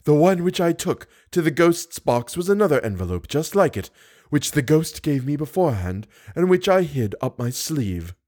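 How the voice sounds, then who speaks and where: A man's voice: on the high side, very animated, normal speed, a little mellow. A man voicing an angry old woman box keeper, yelping and indignant. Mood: explaining.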